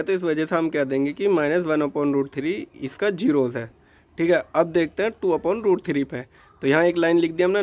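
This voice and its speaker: A young man walks students through a math exercise. His voice sits a little high for a man. He goes patiently, step by step, answers his own questions, and repeats the key points. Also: a little mellow. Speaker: math teacher. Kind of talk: classroom lesson explaining homework exercise.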